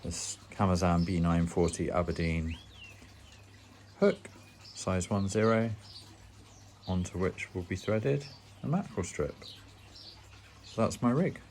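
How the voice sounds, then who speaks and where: A man with a very low voice walks through tying a fishing rig step by step, plain and explanatory, with a dry, self-mocking wit. Faint birdsong chirps in the background. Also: unhurried, long pauses, darkish tone, slight background noise. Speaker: angling channel host.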